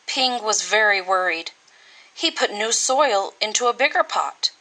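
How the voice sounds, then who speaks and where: Bright-voiced woman reading a storybook, unhurried. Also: mid-range voice, expressive, poor audio. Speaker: teacher reading a picture book. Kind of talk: expressive storybook read-aloud for children.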